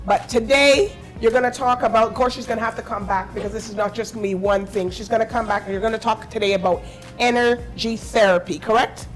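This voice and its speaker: A woman hosting a casual talk show interview, chatty and quick to laugh, sometimes tripping over her words. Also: fairly high pitch, soft background music, poor audio. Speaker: host.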